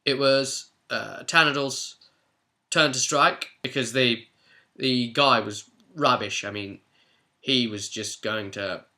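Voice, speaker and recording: A British man recaps a tabletop role-play session as its game master, telling the story in a chatty, animated, casual way. His voice is bright and forceful at a middle pitch.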